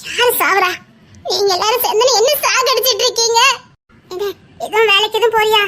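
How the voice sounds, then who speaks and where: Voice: extremely high pitch, fairly quick, sharp tone. A performer playing an emotional young woman with a Tirunelveli Tamil accent, who pleads with her friend and teases her.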